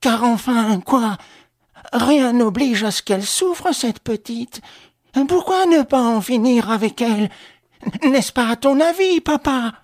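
A man reading aloud and voicing a coarse, impatient older woman, a secondhand-clothes dealer, who talks brusquely and with agitation, in a husky voice. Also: sits high, little pitch movement, moderate pace, dry recording, clean studio sound, pitched above the performer's own voice. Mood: agitated.

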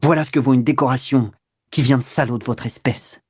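A man's voice: medium pitch, brisk, a little mellow, breathy edge, dry recording, natural voice. A vengeful husband, voiced by a male storyteller, sneers and snarls with open scorn. His delivery is aggressive and biting. The reading is close and dry. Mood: sneering anger.

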